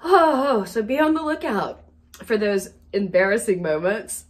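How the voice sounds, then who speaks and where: A woman's voice: mid-range voice, sing-song, moderate pace. A woman telling funny personal stories in a casual monologue, laughing often as she talks. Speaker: wellness storyteller.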